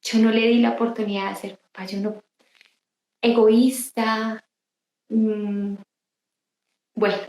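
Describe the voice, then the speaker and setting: A woman giving an emotional personal testimony in an interview, halting and restarting often. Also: mid-range voice, flat delivery, darkish tone, echoey room, low-quality recording. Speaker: interview guest.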